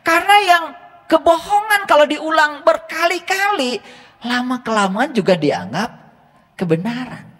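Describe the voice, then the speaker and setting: A man's voice: very high voice, animated, measured pace, fairly bright tone, big-room sound. A man giving an Islamic sermon as a religious teacher, often asking his listeners rhetorical questions. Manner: asks the audience rhetorical questions.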